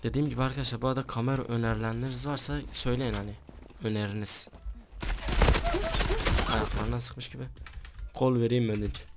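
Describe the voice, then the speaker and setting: A man's voice: medium pitch, fairly quick, pauses often, slight background noise. A man commentating his online shooter game for viewers, teasing an opponent and reading out what he types. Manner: excited, teasing, talks to viewers while typing chat. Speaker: gaming YouTuber. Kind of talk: casual gameplay commentary.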